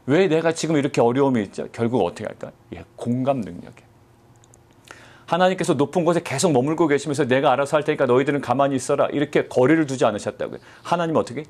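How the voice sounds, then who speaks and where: A man preaching a sermon as pastor, asking the congregation rhetorical questions and stressing key words by slowing down. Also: mid-range voice, lively intonation, darkish tone. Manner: rhetorical questions, quoting God in a mock-gruff voice.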